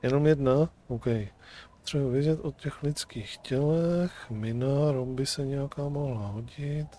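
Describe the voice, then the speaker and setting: A man's voice: medium pitch, normal speed, dark tone, slight background noise. A man streaming a video game, reading dialogue choices aloud with casual commentary.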